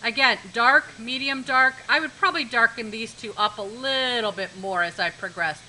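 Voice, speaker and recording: A woman's voice: on the high side, normal speed, bright, forceful tone, a little hiss or hum, low-quality recording. A woman art teacher giving a live demonstration lesson in a classroom, instructive, repeating key points and checking that students follow.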